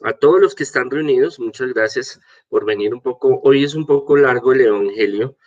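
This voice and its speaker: An older man speaks as a senior priest addressing his flock and reading scripture. His voice sits at a middling pitch, and he moves along haltingly, stumbling and repeating words. The recording is dull and low in fidelity. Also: a little mellow. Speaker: archbishop leading an online prayer and gospel reading. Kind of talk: informal greetings, preaching and scripture reading. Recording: dull, lo-fi sound.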